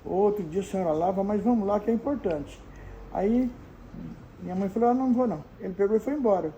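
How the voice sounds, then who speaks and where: A woman's voice: mid-range voice, a little fast, warm tone, lo-fi sound, a little hiss or hum. An older woman from Brazil telling childhood memories in a homely, casual way, acting out the dialogue of the people in her story. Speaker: storyteller answering viewer questions.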